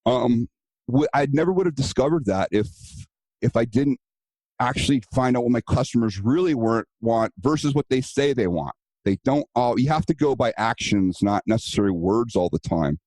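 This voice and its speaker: A man's voice: medium pitch, animated, moderate pace, darkish tone, no echo, poor audio. A man being interviewed about his self-defense business, telling stories and acting out the dialogue in them in a casual, earnest way. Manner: storytelling, acting out quoted dialogue; earnest, advice-giving.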